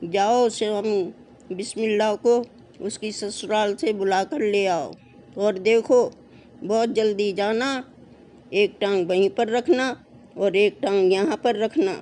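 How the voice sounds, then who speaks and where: Narrator doing a smug careless husband, offhand lecturing, slow speech. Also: mid-range voice, darkish tone, slight background noise, natural voice.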